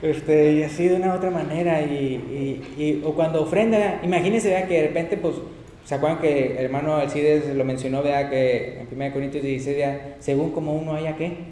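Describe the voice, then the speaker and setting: A man preaching a sermon, lively, laughing often and acting out little quotes. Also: a little high, brisk. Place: church hall. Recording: echoey church hall, faint noise.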